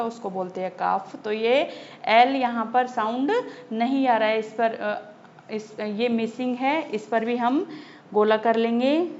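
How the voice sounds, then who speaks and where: Casting: patient woman teacher, slightly high voice, very slow delivery, dull lo-fi audio. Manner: slow, patient, repeats key points for children. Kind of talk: textbook lesson explanation.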